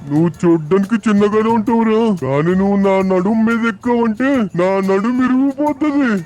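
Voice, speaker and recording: A man's voice: high voice, brisk, a little mellow, faint music behind, natural voice. A man voicing a jittery, whiny boy sidekick in a cartoon dub. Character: timid boy sidekick Chapu.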